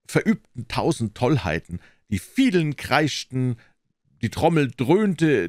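A man, the host of the channel, reading a classic story aloud in an expressive, theatrical manner. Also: mid-range voice, no room sound, studio quality. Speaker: audiobook reader.

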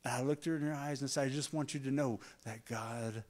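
A man preaching a sermon as a guest pastor, rising to loud emphatic lines and dropping to soft, hushed ones while he tells a story. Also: mid-range voice, fairly even intonation, a little fast. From United States. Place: church sanctuary.

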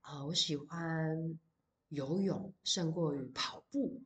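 Low-voiced woman teaching English vocabulary. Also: a bit bright. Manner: explains in Mandarin, reads English examples slowly; addresses students directly with fillers like 好 and 哦. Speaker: high school English teacher. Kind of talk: recorded vocabulary lesson.

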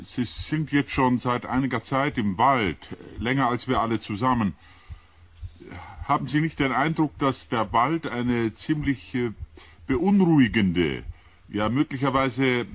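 An actor playing a sober, rational male scientist in a German radio play, husky and measured. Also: mid-range voice, expressive. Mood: probing. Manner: measured, reasoning.

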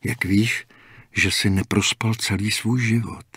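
A calm, cryptic older gas station attendant, played by a man, his low voice husky and hushed, often sinking to a half-whisper. He speaks slowly and flatly, stating things rather than asking. The audiobook recording is close and dry. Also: dry recording. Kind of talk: audiobook character voicing.

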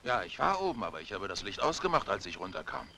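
An uneasy, earnest detective in a vintage dubbed thriller. His voice is gravelly and sharp, at an ordinary male pitch. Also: big pitch swings, quick pace, a little hiss or hum, full character voice. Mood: tense, businesslike.

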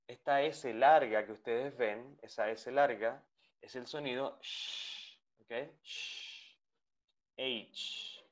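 A man's voice: mid-range voice, unhurried. A man teaching an English class over a video call, patiently repeating each sound and checking in with his students. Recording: dull lo-fi call audio.

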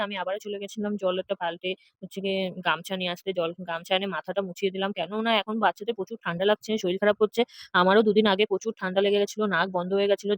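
A woman's voice: mid-range voice, dry recording. A young woman, a mother, chatting casually to her viewers in a home vlog. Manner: chatty, talks straight to viewers. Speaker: mother vlogger. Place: rented home, indoors.

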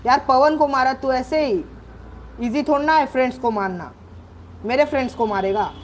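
A man hosting a gaming channel, giving live gameplay commentary on his own microphone, excitedly shouting orders at his teammates. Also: extremely high pitch, moderate pace, slight background noise.

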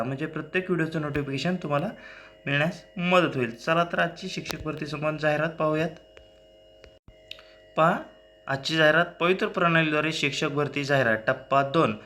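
A man's voice: a little high, pushed and bright, a little hiss or hum. A man hosting a job-news channel, plainly explaining teacher job advertisements point by point and often telling viewers to look. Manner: plain explanatory, repeating "see" and "at this place".

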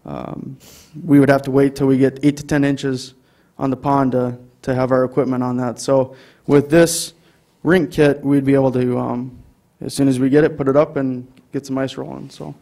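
A man's voice: medium pitch, level tone, moderate pace, gravelly, mellow. A man with an Upper Midwest American accent presenting an item to a city council, with many ums and restarts. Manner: hesitant, many fillers. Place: council chamber.

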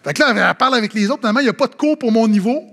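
A pastor with a Québécois French accent preaches a sermon in a very high-pitched, racing voice with vocal fry. He tells funny anecdotes with animated storytelling, acting out the voices of the people he quotes.

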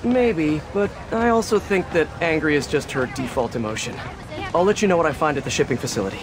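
A man's voice: a little high, expressive, brisk, close to an everyday voice. A man playing a young, upbeat, chatty superhero with an American accent, tossing out sarcastic, jokey banter in a video game. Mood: casual, wry. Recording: loud game music and traffic behind.

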